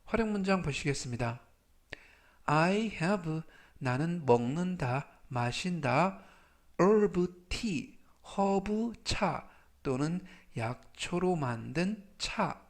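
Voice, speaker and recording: A man with a Korean accent teaching English vocabulary in Korean, repeating each word three times in a slow, deliberate scripted way. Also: on the high side, animated.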